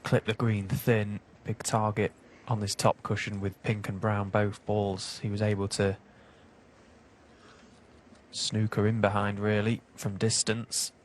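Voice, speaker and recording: Man, low-pitched, flat intonation, hushed snooker commentary, analytical, unhurried, noisy hall ambience behind. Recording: broadcast with clear background noise.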